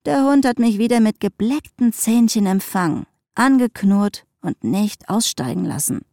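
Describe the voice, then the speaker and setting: A blunt, bullish young rancher from a storybook, complaining in a brash and mocking way, read out by a woman. The voice is dark and mellow, and it sits close and dry with no room sound. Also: medium pitch, lively intonation, moderate pace, vocal fry, no echo. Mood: sneering.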